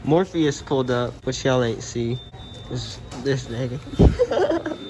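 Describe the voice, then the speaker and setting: A man's voice: medium pitch, huge pitch swings, takes it slowly. A man vlogging a road trip with his friends, talking in a joking, slangy, playful way from a car and a rented house. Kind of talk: casual road trip vlog. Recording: noisy car and street background.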